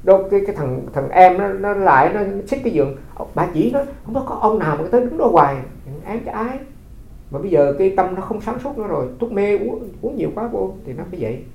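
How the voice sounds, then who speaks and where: Male monk, quick conversational dharma talk, slightly high voice, roomy recording. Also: animated, vocal fry, a little mellow. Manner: conversational storytelling with rhetorical questions. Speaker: Buddhist monk.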